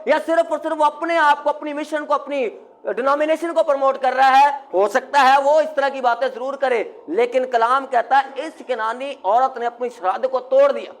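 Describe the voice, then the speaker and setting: A man preaching with a very high-pitched voice, the pastor leading his flock through a sermon. He fires questions at the congregation and has them call the answers back, sometimes rising to a shout. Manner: call-and-response, quizzing the congregation; bursts into shouting.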